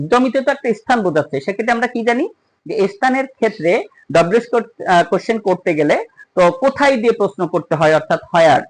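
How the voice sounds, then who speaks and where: A teacher giving a spoken grammar lesson. The teacher explains step by step, asks the listener questions, and slows down on the example sentences. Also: medium pitch, low-quality recording. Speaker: English teacher.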